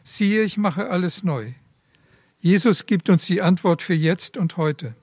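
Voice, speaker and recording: Man doing a slow solemn devotional reading, kinda high voice. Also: slightly rough, dry recording, clean studio sound. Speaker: preacher. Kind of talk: devotional talk with read-aloud story.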